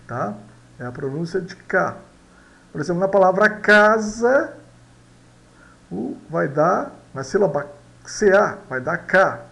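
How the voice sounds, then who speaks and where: A man's voice: a little high, creaky. A man giving a recorded pronunciation lesson, patiently repeating each example word several times and checking in often with tag questions. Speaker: language teacher.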